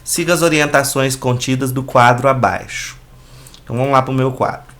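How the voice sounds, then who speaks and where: A man's voice: mid-range voice, steady tone, moderate pace, a bit bright. A man with a Brazilian Portuguese accent, a teacher patiently walking students through a worksheet and checking in often. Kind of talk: explaining a school worksheet.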